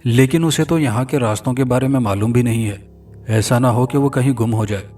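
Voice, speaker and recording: A man's voice: mid-range voice, brisk, darkish tone, far from the mic, faint music behind, close to an everyday voice. A man voicing a worried, fatherly older man in a storybook horror tale, speaking anxiously and coaxingly.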